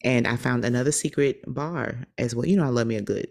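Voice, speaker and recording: A woman with an American accent and a notably low voice with gravelly fry. She co-hosts a casual podcast, telling stories in an animated style and slipping into quoted dialogue. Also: brisk. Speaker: podcast co-host. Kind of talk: casual chat, anecdotes.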